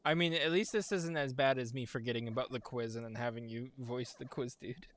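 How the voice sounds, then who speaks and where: A man's voice: mid-range voice, brisk, a bit bright. A man hosting a gaming session, chatting casually as he plays. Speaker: gaming host. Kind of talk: casual chat over gameplay. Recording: game music behind the voice.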